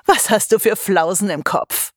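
A woman's voice: mid-range voice, measured pace, no room sound, close to an everyday voice. Woman narrator doing a blunt, scolding storybook mother, dry close sound. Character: stern, practical mother, middle-aged woman. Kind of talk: audiobook character voice.

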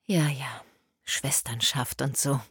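A woman voicing an older mother who speaks softly with dry skepticism. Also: extremely low pitch, fairly even intonation, slow, husky, dry recording, heavily acted. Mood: dry skeptical.

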